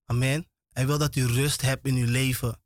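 A man's voice: medium pitch, flat delivery, moderate pace, dry recording. A man preaching on the radio, emphatic and repetitive, often breaking off and restarting his words. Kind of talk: radio sermon.

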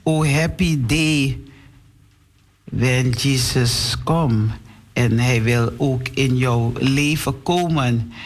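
Gentle slow-reading storyteller man. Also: medium pitch. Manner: gentle, addresses children directly. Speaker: children's storyteller. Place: radio studio.

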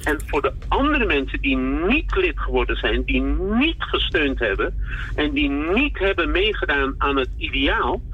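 A man phoning in to a radio show, heard over a telephone line, talking haltingly with many fillers and restarts. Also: on the high side, sing-song, breathy edge. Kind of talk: call-in radio conversation. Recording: muffled phone-line audio.

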